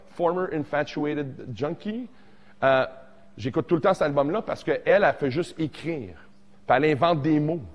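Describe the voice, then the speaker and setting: A man in his forties with a Québécois accent, teaching a casual songwriting workshop, joking and animated, tossing in English words. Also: fairly high pitch, in a large hall. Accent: Québécois French. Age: 40s.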